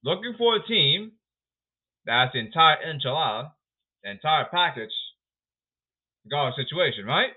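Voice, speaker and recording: Animated man hosting a tinny podcast. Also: fairly high pitch, normal speed, pauses often. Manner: repetitive, announcer-like calling out. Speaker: podcast host. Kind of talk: solo sports podcast rundown. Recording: tinny phone-like sound.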